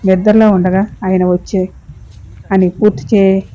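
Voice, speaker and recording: A woman's voice: mid-range voice, flat delivery, unhurried, warm tone, highs cut off, natural voice. A woman reading as a pleading young wife. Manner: pleading, tearful.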